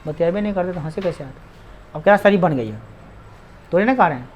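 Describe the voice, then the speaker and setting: A man's voice: high-pitched, expressive, fast talker, muffled recording, a little hiss or hum. A man teaching a maths class with a Bihari Hindi accent, talking with his students in a chatty, teasing way and cracking jokes between steps. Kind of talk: classroom lesson.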